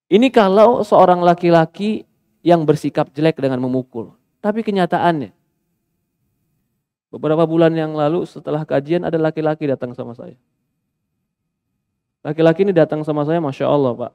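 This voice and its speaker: High-voiced male preacher, emphatic. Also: normal speed, long pauses, warm tone, dry recording, clean studio sound. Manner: emphatic, with rhetorical questions and exclamations. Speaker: Islamic preacher. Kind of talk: religious study lecture.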